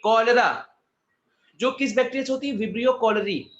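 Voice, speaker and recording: The speaker, a man with an extremely high, slightly bright voice, talks a little fast as he teaches exam prep. He jokes, adds asides, and calls his students "beta" in a casual, chatty way. Echo fills the room and the sound is slightly dull.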